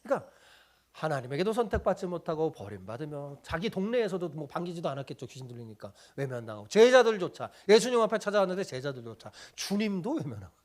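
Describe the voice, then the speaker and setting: Lively high-voiced man preaching. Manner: asks the congregation questions and answers them himself; acts out quoted voices within the sermon. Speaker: pastor. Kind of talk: sermon. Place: church sanctuary.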